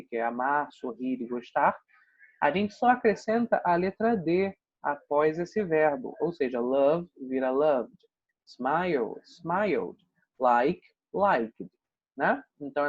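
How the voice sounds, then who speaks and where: Husky-voiced Brazilian man teaching English. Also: fairly high pitch, a little mellow. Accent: Brazilian Portuguese. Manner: patient, explanatory, tags sentences with "né?" and "tá?". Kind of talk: recorded online grammar lesson. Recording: dull, lo-fi, dry recording.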